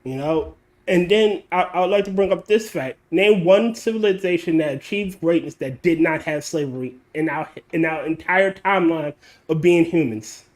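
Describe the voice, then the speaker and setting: At a moderate pace and fairly high pitch, a male podcast host makes his case in a laid-back conversation, bluntly, with plenty of swearing and long lecturing stretches.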